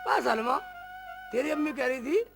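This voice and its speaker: A man's voice: expressive, moderate pace, creaky, over music, full character voice. A man playing a foolish, literal-minded young son-in-law in a comedy film, with a cheeky manner. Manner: squeaky, cheeky, takes every word literally. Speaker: comic lead.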